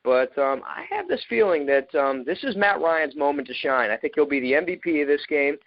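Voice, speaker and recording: A man with a fairly high voice chatting casually on a sports talk show, joking with the others and padding his points with ums. The sound is dry and dull, like a lo-fi recording. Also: very animated, brisk, dry recording. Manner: joking, filler-heavy.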